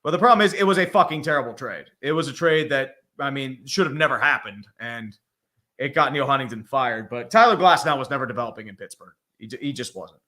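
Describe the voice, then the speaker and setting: A man's voice: medium pitch, expressive, fast, bright, forceful tone. A man co-hosting a live stream, talking about sports trades in a blunt, profane, rambling way. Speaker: co-host. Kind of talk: casual live-stream chat.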